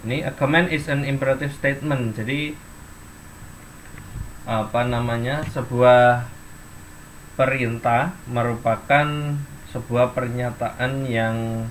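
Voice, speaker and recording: In an online class, a man teaches English step by step, reading example sentences and dictionary entries aloud. His voice is mid-range, with slight background noise in the recording.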